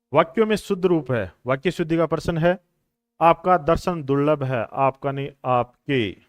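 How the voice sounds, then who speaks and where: A man's voice: a little high, clear, resonant tone, no echo. Patient male teacher. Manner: explains patiently, repeats answers, addresses students as brothers and friends. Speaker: exam coaching teacher. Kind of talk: classroom lecture on Hindi exam questions.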